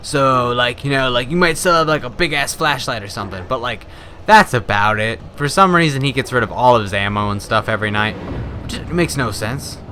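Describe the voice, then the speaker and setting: A young man commenting casually on a horror game as he plays, rambling and shouting during fights. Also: medium pitch, brisk, slight background noise. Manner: rambling, excitable, yells at fights. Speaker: gaming YouTuber. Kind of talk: let's play commentary.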